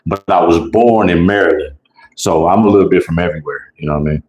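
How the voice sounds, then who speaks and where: A young man with a very deep, low voice talks on a live stream in a laid-back, joking way. His speech rings with echo from the room he sits in. He drops "you know what I'm saying" often as he chats with his co-host. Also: quick pace, darkish tone, highs cut off. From Oklahoma. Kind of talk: casual live-stream chat.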